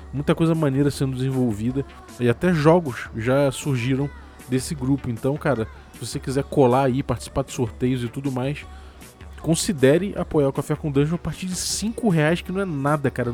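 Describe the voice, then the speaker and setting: A man's voice: medium pitch, a little mellow. A man with a Brazilian Portuguese accent hosts a podcast in a casual, chatty, slangy way. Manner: informal, slangy. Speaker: podcast host.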